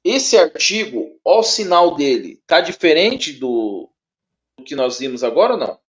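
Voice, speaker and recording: A man with a Brazilian Portuguese accent teaching a one-on-one lesson. He talks haltingly, repeats words and checks in often. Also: on the high side, very animated. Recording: dull lo-fi sound.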